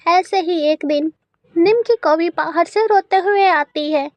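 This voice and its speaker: A woman narrates a children's cartoon tale in a plain, even storytelling manner. Her voice is very high, and the recording is close and dry. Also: unhurried, dry recording, dull audio.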